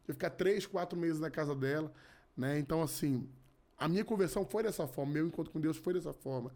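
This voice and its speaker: A man in his thirties speaks as a podcast guest, sharing a personal faith testimony. His voice sits a little high, and his talk is earnest, with frequent restarts and repeated phrases. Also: fast talker, darkish tone. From Rio de Janeiro. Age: 30s. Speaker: podcast guest, gospel musician. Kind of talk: casual testimony.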